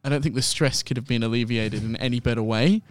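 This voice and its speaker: A young man, guest host on a podcast, telling a long story in excitable, rambling casual chat full of fillers. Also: mid-range voice, fast, no room sound. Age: young adult.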